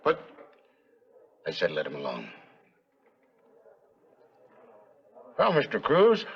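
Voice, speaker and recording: A man's voice: low-pitched, husky, full character voice. An actor playing a shrewd, skeptical businessman with a curt, commanding manner in a vintage TV western. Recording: dull vintage TV soundtrack.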